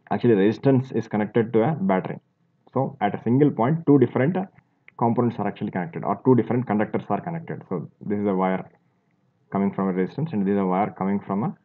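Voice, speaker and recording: A man teaching a physics lesson, explaining step by step as he draws, with fillers and restarts. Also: lowish voice. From India. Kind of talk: classroom lecture while drawing. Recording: tinny phone-like audio.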